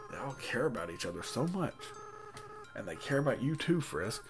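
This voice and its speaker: A man voicing a gentle, remorseful young goat-monster boy, reading the game dialogue in a soft, pleading, apologetic way over game music. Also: medium pitch. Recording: game music playing underneath. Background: game soundtrack music.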